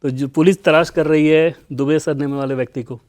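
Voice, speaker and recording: A man's voice: a little high, steady tone, fairly quick, darkish tone. A man anchoring a studio discussion, conversationally retelling anecdotes. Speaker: news anchor.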